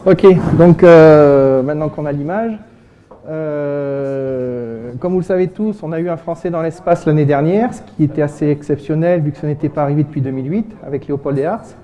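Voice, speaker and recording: A man giving an informal presentation as an amateur radio volunteer, chatty and halting. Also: fairly high pitch, warm tone. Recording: muffled lo-fi sound, dull microphone.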